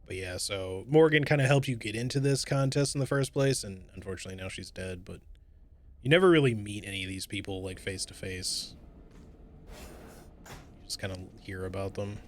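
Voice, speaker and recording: A man's voice: lowish voice, fairly quick. A man giving casual, rambling, hedging commentary as he streams a video game.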